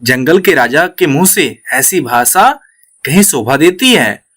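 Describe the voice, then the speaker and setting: A man's voice: a little high, lively intonation, unhurried, fairly bright tone. A man reading the lines of a tiny, boastful female fly from a children's storybook in a taunting, challenging manner.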